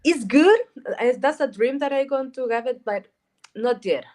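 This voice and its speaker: A woman from Rica, a guest chatting casually in an interview, talking in a halting way with repeated words and lots of fillers. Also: sits high, lively intonation, darkish tone. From Costa Rica. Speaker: guest, cannabis events organizer.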